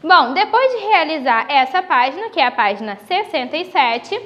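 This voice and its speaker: A woman with a Brazilian accent teaches a video lesson for young schoolchildren. Her voice sits very high, and she speaks patiently, pausing to stretch out each example word. The recording sounds dull and lo-fi. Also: sing-song. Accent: Brazilian Portuguese. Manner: slow, explanatory, stretches example words.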